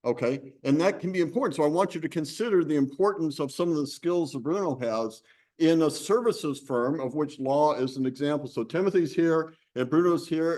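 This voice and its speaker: A man's voice: fairly high pitch, darkish tone. A man hosting a university meeting in a rambling, casual way. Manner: rambling, full of fillers and restarts. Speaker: program director and host. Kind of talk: informal meeting introduction. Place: university classroom.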